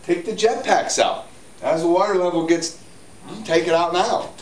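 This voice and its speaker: In a spacious indoor spa showroom, a man in his forties who owns a hot tub store cheerfully demonstrates how to do something, moving about and gesturing as he talks. His voice sits high and moves at a normal speed, with slight background noise. The audio has a roomy feel from a camera mic on a tripod far off.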